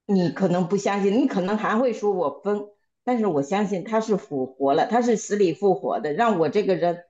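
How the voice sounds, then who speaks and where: Halting woman sharing a church testimony. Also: medium pitch, a little mellow, highs cut off. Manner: halting, repeats and restarts words. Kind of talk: testimony sharing in a Bible study group.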